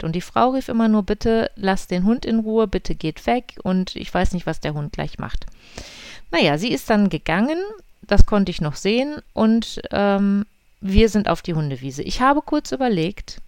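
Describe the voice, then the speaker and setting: Female vlogger, casual storyteller, acts out dialogue, mid pitch, dry close sound. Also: clear, resonant tone, no echo. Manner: lively retelling that acts out quoted dialogue. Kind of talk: casual personal storytelling to viewers. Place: outdoors in a forest.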